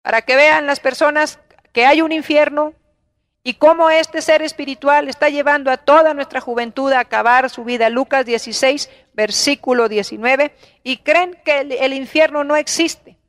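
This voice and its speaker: A woman with a Mexican Spanish accent preaches to her Bible class with fervor, scolding and firing rhetorical questions at the young. Her voice sits high, and the recording is dry and close with little room sound. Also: fairly even intonation, normal speed, no room sound.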